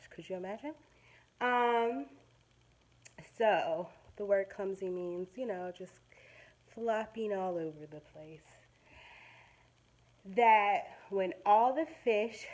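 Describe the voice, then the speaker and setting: With a fairly high pitch, a female teacher dramatizes a children's story as she reads, pausing to explain words simply for the kids listening.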